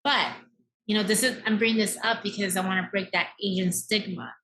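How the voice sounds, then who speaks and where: An American-born woman of thirty-nine who grew up in Taiwan speaks as a podcast guest and mindset coach, telling her story with earnest emphasis and rhetorical tags like "right?". She talks a little fast, with a mid-range, fairly bright voice and fairly even intonation.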